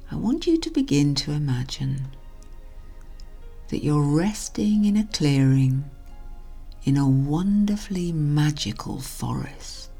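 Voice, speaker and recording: Low, breathy woman guiding slow hypnotic relaxation. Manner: soothing, hushed, breathy delivery trailing into whispers. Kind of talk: guided hypnosis relaxation narration. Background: music.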